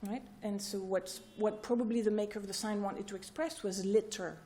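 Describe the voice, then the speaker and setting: A woman researcher presents at an academic workshop, speaking to a room of listeners. Her voice is mellow and soft-edged, and her pitch sits in the middle. She lays out each idea step by step and often checks in with "right?" and "okay?". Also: steady tone, normal speed. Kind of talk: academic conference talk. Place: lecture room with an audience.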